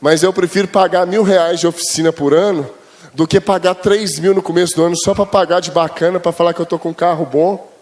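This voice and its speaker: Male pastor, high-pitched, chatty storytelling sermon with acted-out dialogue. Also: steady tone, brisk. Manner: storytelling, chatty, addresses the congregation as brothers; acts out quoted dialogue with God, rising high and loud.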